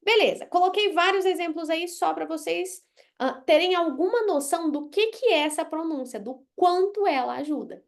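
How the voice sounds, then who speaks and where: Woman English teacher from Brazil, high-pitched, blunt, playful, live online lesson with drawn-out pronunciation demos.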